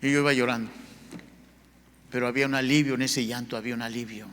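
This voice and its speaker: A man's voice: medium pitch, fairly even intonation, fast talker, a bit bright, slight background noise. A man preaching a sermon as pastor, telling his own testimony in an earnest, conversational way. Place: church sanctuary. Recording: long church hall reverb.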